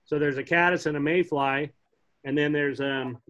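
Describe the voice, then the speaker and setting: A middle-aged man teaching a casual online fly fishing class from home, chatty and relaxed, joking with the kids as he shows flies on a webcam. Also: on the high side, normal speed. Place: home room, indoors. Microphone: laptop webcam on a video call. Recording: dull lo-fi video call audio.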